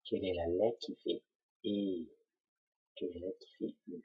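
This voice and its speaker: A man teaching a dictation lesson, slowly spelling out syllables for children to repeat and write. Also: deep voice, fairly even intonation, husky. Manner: slow, deliberate, spells out syllables. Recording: dull lo-fi recording.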